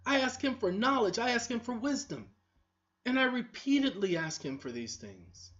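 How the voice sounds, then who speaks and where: In her own video, a woman addresses viewers head-on with a repetitive, moralizing scolding. Her voice is on the high side, sing-song, and fairly bright, at a moderate pace, through a dull lo-fi recording.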